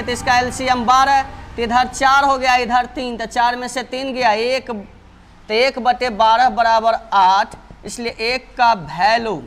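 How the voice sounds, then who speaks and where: A man's voice: very high voice, a bit bright. A male math teacher explaining problems step by step, going over each step twice and often calling his students dear children.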